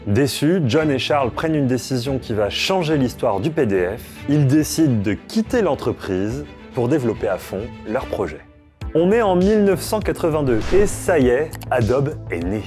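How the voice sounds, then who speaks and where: A man's voice: medium pitch, expressive, moderate pace, a little mellow, soft background music. A man hosting a tech explainer, narrating a script with playful, jokey asides to the viewers. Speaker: host of a tech channel.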